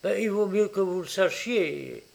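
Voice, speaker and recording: A man doing a courteous male inspector, a bit higher than the narration, hesitant fillers, careful explaining, detective storybook. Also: lively intonation, unhurried, creaky, a little mellow, full character voice. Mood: earnest. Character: earnest, reasonable male police inspector.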